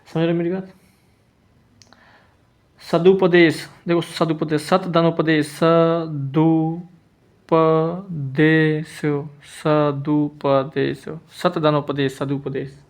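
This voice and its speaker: A man teaching spelling in a lesson, repeating each word slowly and checking in with the listener. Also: on the high side, flat delivery.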